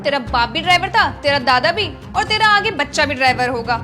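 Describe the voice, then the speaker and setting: A woman playing an arrogant rich lady who scolds her driver in a scripted skit, speaking in a sharp, scornful way. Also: animated, brisk, over music. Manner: shrill scolding, later soft apology. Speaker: actor in a short moral skit. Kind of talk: scripted social skit acting.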